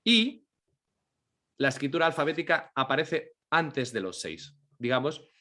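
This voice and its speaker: A man teaching a lesson, explaining step by step, asking and answering his own questions, slowly sounding out syllables and sometimes correcting himself. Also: a little high, very animated, sharp tone. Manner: occasional apologetic self-corrections. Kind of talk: educational lecture on literacy.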